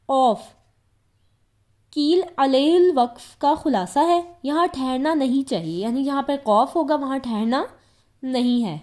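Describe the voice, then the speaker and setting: High pitched woman, pakistani urdu accent, patient quran teacher going over each point twice. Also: darkish tone. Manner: patient, repeats each point in simpler words. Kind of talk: explanatory religious lesson.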